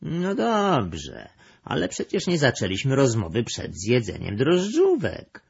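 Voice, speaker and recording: A man reading a storybook aloud, voicing a curious, puzzled male cat in a high, wondering voice, in a dull lo-fi recording. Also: wildly swooping pitch, takes it slowly, gravelly, mellow, slightly rough, full character voice. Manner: wondering, questioning.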